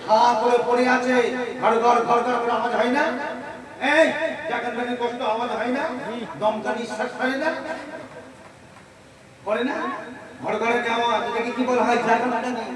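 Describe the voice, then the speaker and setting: A high-voiced male preacher delivers a sermon to a large gathering, swinging from loud calls to quiet asides. His voice rings through heavy PA echo and sounds distant from the mic. A crowd is clearly heard behind him. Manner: preaching with sharp jumps between loud calls and soft asides; questions and urges the crowd to respond.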